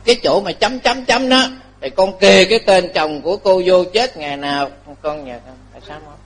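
High-voiced joking monk preaching. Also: male voice, a little fast. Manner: lively, joking, laughs often, repeats phrases. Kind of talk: dharma talk to lay followers.

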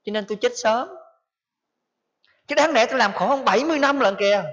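A man's voice: very high voice, fairly quick, fairly bright tone. A man voicing a resentful dead son who accuses his father with bitter questions, on a dull lo-fi recording. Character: resentful son come back for revenge.

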